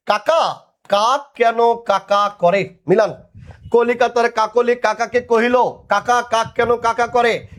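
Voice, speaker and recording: Young man, online class teacher, repetitive drilling, teasing, pitched high. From Bangladesh. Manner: drilling call-and-response, repeating answers; teasing, chatty with students. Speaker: admission test teacher.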